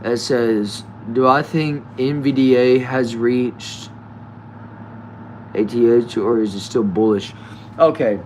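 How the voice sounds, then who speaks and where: A nineteen-year-old man reading viewer comments aloud in a relaxed, chatty live stream, often trailing off quietly. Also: mid-range voice, slow pace, a little hiss or hum. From United States. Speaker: livestreamer.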